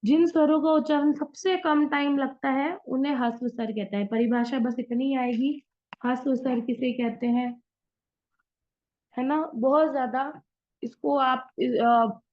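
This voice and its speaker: Female teacher, online lesson, patient explainer, muffled call audio. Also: high-pitched. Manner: patient, explains step by step with examples. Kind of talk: online Hindi grammar class. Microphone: video call. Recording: dull lo-fi online class audio.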